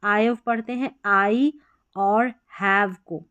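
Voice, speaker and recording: A woman with an Indian accent teaching an exam-prep grammar lesson, explaining step by step and repeating examples slowly. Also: medium pitch, steady tone, fairly bright tone, clear, resonant tone, no echo, dull audio.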